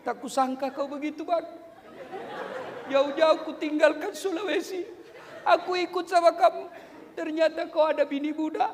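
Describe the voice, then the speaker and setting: A man putting on a shrill scolding wife. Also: steady tone, moderate pace, pauses often, some chatter behind, a little hiss or hum, close to an everyday voice. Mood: hurt, reproachful. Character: angry wife scolding her husband. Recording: long hall reverb, faint ambience.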